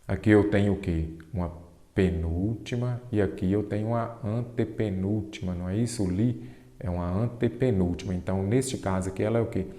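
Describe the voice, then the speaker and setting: A Brazilian man with a fairly low voice gives an exam-prep grammar lesson, asking questions and answering them himself while he stretches the key terms. The sound is echoey, with a long reverb tail like a bare hall. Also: warm tone. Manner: didactic, asks and answers his own questions, stretches key terms slowly. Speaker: Portuguese teacher.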